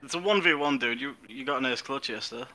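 A young man reacting excitably and swearing while playing with friends. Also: mid-range voice, fast, a crowd in the background. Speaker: gamer. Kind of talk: casual voice chat while gaming.

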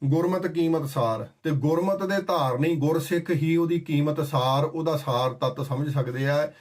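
A man giving a sermon that explains scripture. He chants verses slowly and then explains them in plain, conversational talk. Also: on the high side. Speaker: Sikh scripture preacher.

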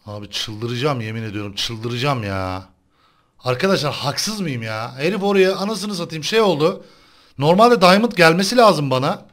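A young man with a fairly high voice talks his way through a game, excitable and exasperated. He turns to his viewers to complain as he plays, in loose, casual chat. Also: normal speed. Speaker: gaming channel host.

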